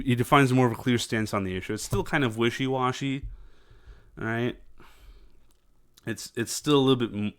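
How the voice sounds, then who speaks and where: A man hosting casual political commentary, talking in a halting way with many fillers and restarts. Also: lowish voice, clean tone, no room sound, clean studio sound.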